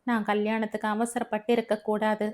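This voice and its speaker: A woman's voice: medium pitch, monotone, normal speed, a little mellow, close to an everyday voice. A woman reading the lines of a clingy young newlywed wife in an audio novel, in a pleading way.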